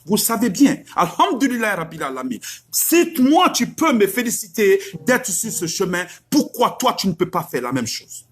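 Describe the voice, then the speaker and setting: In this religious exhortation, a middle-aged preacher from West Africa speaks at a moderate pace, his husky voice pitched high and swinging vividly up and down. Emphatic throughout, he leans on repeated lines and rhetorical questions to drive his point.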